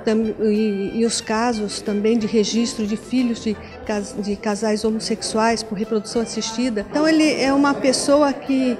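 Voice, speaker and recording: A woman's voice: fairly high pitch, steady tone, moderate pace, few pauses. A woman in her fifties, a commission president, giving an interview on camera in an indoor meeting room into a handheld mic, with many restarts and fillers. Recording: music bed behind the voice.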